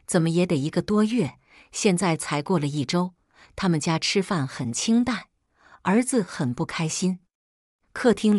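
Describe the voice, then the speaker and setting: A woman narrating a scripted story with a lively storytelling cadence. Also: fairly low pitch, dry recording, clean studio sound.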